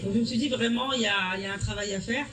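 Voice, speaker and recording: A middle-aged African woman who teaches history and geography answers interview questions at an evening school event, earnest and explanatory, frequently restarting her sentences. Her medium-pitched voice comes rapid-fire over music, picked up by a distant mic in a noisy room.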